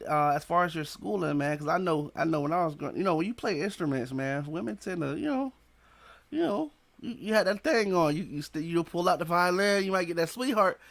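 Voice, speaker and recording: Man, thirties, podcast host, casual rambling questions, slangy talk, slightly high voice, headset mic. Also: gravelly, fairly bright tone. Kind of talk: casual interview. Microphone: headset with studio mic.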